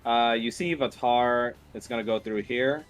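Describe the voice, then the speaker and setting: A man narrating a tabletop role-playing game as game master in an informal, halting way. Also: medium pitch, faint music behind.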